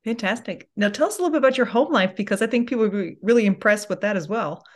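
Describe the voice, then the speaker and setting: A woman hosts a podcast interview with an enthusiastic, upbeat manner. Her voice sits at a middle pitch, and she sounds keen as she brings in her guest and asks questions. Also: expressive, fast. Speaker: podcast host.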